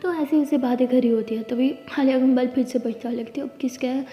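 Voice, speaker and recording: A woman's voice: sits high, steady tone, a little fast, warm tone. A woman telling a love story in a chatty, conversational narration style. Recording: echoey dull lo-fi room recording.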